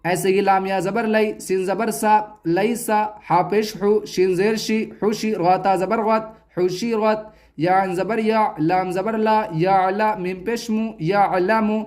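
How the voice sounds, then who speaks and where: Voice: medium pitch, steady tone, a little mellow. A teacher giving a reading lesson, spelling words out letter by letter and repeating key terms as questions and answers.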